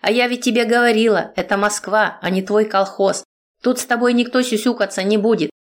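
A woman reading an audiobook, voicing a bossy middle-aged godmother who scolds coarsely and loudly. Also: mid-range voice, steady tone, a little fast, close to an everyday voice. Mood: scolding.

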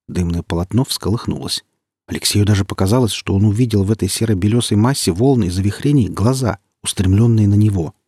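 A man with a husky voice reading an audiobook in a measured way, lightly acting out the dialogue. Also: fairly low pitch, darkish tone, no echo, studio quality. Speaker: audiobook narrator. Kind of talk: audiobook narration.

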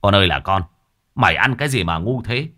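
A man's voice: fairly low pitch, lively intonation, fairly quick. A man voicing an angry old father scolding his daughter in a story reading. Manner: scolding, loud.

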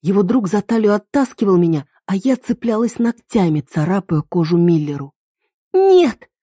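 A woman reading a first-person story aloud in a steady, expressive narration. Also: on the low side, a little fast, husky, no room sound, clean studio sound. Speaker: reader.

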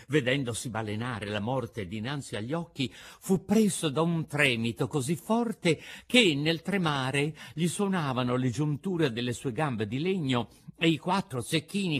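A man narrating a classic tale in a theatrical, highly expressive reading. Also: normal speed.

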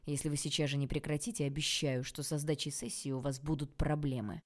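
A woman's voice: low voice, flat delivery, brisk, close to an everyday voice. A woman voicing a stern, irritated male university lecturer who talks in a cold, clipped, scolding way. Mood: cold irritation.

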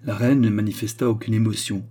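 Man, audiobook narrator, low and husky, measured dramatic reading. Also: fairly even intonation, dark tone. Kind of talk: scripted literary narration.

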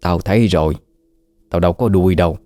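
A man voicing a sharp-tongued old village shaman woman who gives stern commands. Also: sits low, brisk, no echo, close to an everyday voice.

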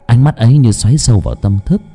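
A man's voice: medium pitch, fast, dark tone, husky, faint music behind. A man narrating a horror audiobook in a suspenseful, dramatic way.

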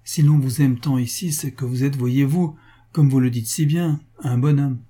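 A man reading aloud, voicing a warm, affectionate young wife with a gushing, lively manner. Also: medium pitch, moderate pace, husky, close to an everyday voice. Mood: eager.

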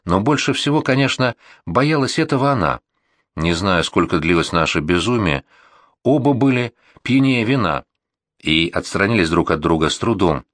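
A man narrating an audiobook in a heartfelt, expressive first-person telling. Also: sits low, normal speed, no room sound.

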